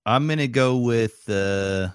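A man in his thirties co-hosting a casual podcast, talking in a laid-back, drawn-out way with plenty of swearing. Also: mid-range voice, clear, resonant tone, no echo, clean studio sound. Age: 30s. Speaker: podcast co-host. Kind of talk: casual chat.

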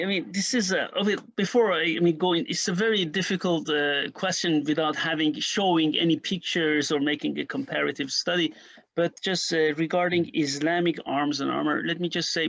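A middle-aged man from Iran, a native Persian speaker, has a creaky voice recorded with no room sound. As a historian guest in an interview, he explains history at length, speaking emphatically, restarting often, and jumping around in pitch with animation.

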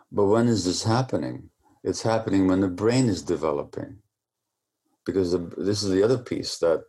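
An interview guest with a deep, darkish voice explains things at length in a lecturing manner. He often stumbles over repeated words as he restarts his sentences.

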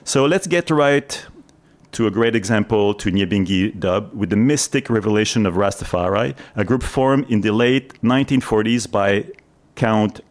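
Low-voiced man hosting live radio. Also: normal speed. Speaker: radio host. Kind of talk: live radio talk, semi-scripted explanatory narration.

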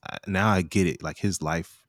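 A man's voice: sits low, fairly even intonation, normal speed, dry recording, studio quality. A man in his late thirties chatting casually about scripture, laid-back and slangy, laughing often. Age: 30s. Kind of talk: casual Bible study chat.

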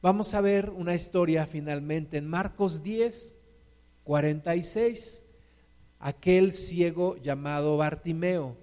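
A man's voice: on the high side, slow, a little mellow. A man preaching a sermon, earnest and encouraging, with dramatic retellings of a story. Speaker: pastor. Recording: echoey hall.

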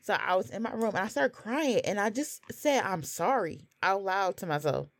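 A woman's voice: mid-range voice, big pitch swings, moderate pace, no echo. A woman in her thirties on a podcast, talking in a casual, earnest, confessional way with many "like" fillers. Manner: heavy use of "like" fillers, earnest and open. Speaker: podcast co-host.

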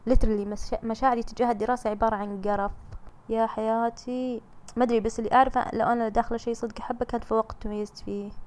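Young Saudi woman, Gulf accent, rapid talker, slightly high voice, casual podcast chat, teasing and reassuring. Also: level tone. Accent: Saudi Gulf Arabic. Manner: chatty, teasing, comforting. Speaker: podcast host reading listener messages.

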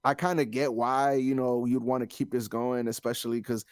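A man's voice: medium pitch, level tone, normal speed, no room sound, studio quality. A man chatting casually as a podcast host, slangy and opinionated.

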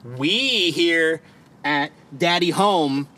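Speaking extremely slowly, this podcast host has a slightly high, animated voice that sounds pushed and bright. He's from Maryland with a Baltimore accent, chatting casually in a parked car on a home podcast mic, joking and cursing freely.

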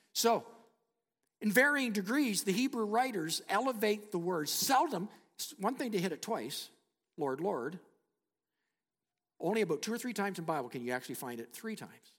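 A middle-aged pastor preaches in a church sanctuary, his voice pitched high and swooping through a very lively range. He lingers on key words, sinking them into low, hushed tones. A long reverb of the hall trails each phrase. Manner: dramatic preaching, slows and drops to near-whisper for emphasis. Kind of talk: sermon.

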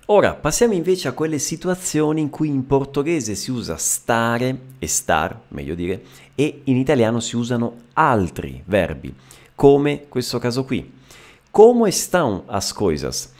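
A man teaching an Italian lesson to Portuguese speakers, explaining phrases and repeating them slowly with frequent "ok?" checks. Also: mid-range voice, darkish tone.

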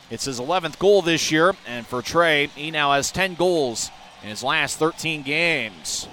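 A man giving rapid hockey play-by-play commentary as a game commentator, ready to burst into shouts on big chances. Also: a little high, slight background noise.

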